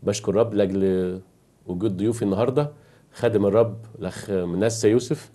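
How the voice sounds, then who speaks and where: Fast-talking Egyptian man hosting. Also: on the low side, dark tone. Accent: Egyptian Arabic. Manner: courteous and formal, welcoming guests. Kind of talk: studio talk show hosting.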